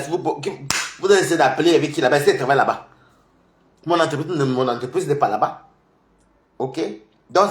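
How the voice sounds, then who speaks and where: In an echoey room, a man who comments on social media rants confrontationally against his online rivals in a fairly high voice. He mocks and taunts them with repeated jabs, alternating between loud bursts and quiet, muttered asides.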